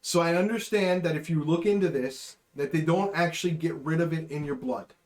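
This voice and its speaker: A man in his late twenties co-hosting a podcast, talking in an animated, teasing way as he builds up to jokes. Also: a little high, a little fast. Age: 20s. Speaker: podcast co-host. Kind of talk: casual chat. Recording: echoey room.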